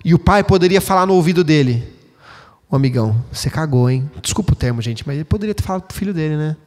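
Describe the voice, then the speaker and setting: A pastor delivers his sermon in a high, bright voice that carries through a church hall with a long reverb tail. He talks straight to the congregation and lively acts out the voices he quotes. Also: racing.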